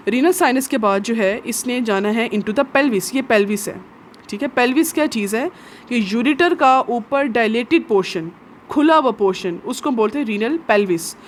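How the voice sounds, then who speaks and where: A woman's voice: on the high side, slight background noise. A woman teaching biology from labelled diagrams, patiently asking questions and answering them herself. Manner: patient and repetitive, asks a question then answers it, often adds "theek hai". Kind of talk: explaining labelled diagrams in a lesson.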